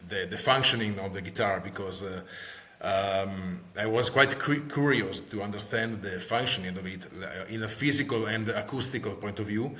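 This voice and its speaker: Halting Italian-accented man, bright voice. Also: on the low side. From Italy. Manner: halting, searching for words with repeated words. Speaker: guest, guitar maker. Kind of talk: interview answers, casual explanation.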